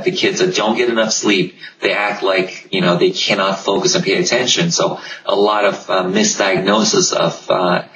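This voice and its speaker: A man's voice: deep voice, dull audio. A man working as a pediatrician, explaining things in an interview with frequent "uh"s. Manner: explanatory, many filler "uh"s. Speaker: pediatrician guest. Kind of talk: interview answers. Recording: echoey, distant mic with noise.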